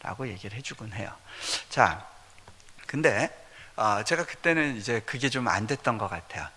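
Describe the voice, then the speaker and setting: A man's voice: on the low side, lively intonation, normal speed, bright, forceful tone, breathy edge. A man, a missionary preacher, telling personal stories in a conversational sermon, often chuckling between points. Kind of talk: storytelling sermon at a revival meeting. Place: church sanctuary. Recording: long reverb of a church hall.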